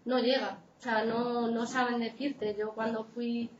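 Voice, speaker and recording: A woman's voice: fairly high pitch, flat delivery, unhurried, slight background noise. A woman psychologist from Spain giving an informal lecture in a conversational way, checking in with her audience. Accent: Spain Spanish. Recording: roomy, dull lecture recording.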